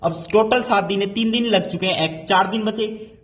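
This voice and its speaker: A man with a high-pitched voice teaches a math lesson. He talks with lots of energy and switches between Hindi and English terms. He hypes each step as he solves it, and he slows right down to read the textbook problems aloud. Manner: energetic, hypes up his solutions. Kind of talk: chalkboard-style math lesson.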